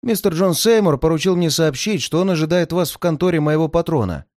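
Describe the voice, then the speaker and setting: A reader voicing a sly male criminal clerk who threatens in a slow drawl and turns to panicked cries, in a storybook reading. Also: mid-range voice, expressive, a little mellow, no echo, studio quality, lightly acted. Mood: smooth.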